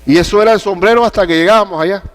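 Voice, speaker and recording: A man's voice: sits high, racing. An older man, a pastor and grandfather, preaching a sermon with personal stories and questions put to the congregation.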